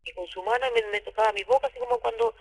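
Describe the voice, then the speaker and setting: Gravelly woman, halting testimony. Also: a little high, steady tone, long reverb tail, poor audio. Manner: halting, repeats words, emotional. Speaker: interviewee recounting abuse. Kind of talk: emotional personal testimony.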